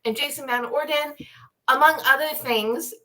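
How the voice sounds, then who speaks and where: A woman's voice: high voice, moderate pace, sharp tone, rough recording. A woman hosting a live panel show, chatty and rambling, often interrupting herself as she goes. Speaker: live show and podcast host.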